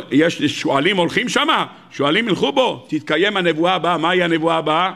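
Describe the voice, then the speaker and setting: Animated preaching rabbi, gravelly bright voice. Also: male voice. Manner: animated preaching, rising to high emphatic peaks and acting out dialogue. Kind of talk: sermon.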